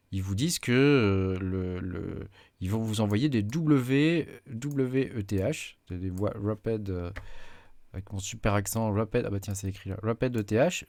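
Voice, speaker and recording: A man's voice: lowish voice, darkish tone, no echo. A man giving a casual screen-recorded tutorial, hesitant with many fillers as he clicks through menus at his desk mic. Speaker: tech YouTuber.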